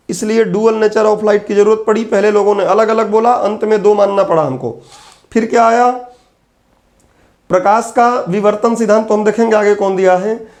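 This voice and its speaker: A man's voice: high voice, darkish tone. A man teaching an exam-prep physics lecture, patiently repeating key terms and answering his own questions.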